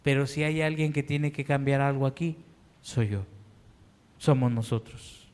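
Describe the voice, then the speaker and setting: A man's voice: mid-range voice, a little mellow. A man with a Mexican Spanish accent, a pastor preaching a sermon in an earnest, pleading way in a church. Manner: earnest, pleading, slow deliberate delivery. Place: church sanctuary. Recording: long hall reverb.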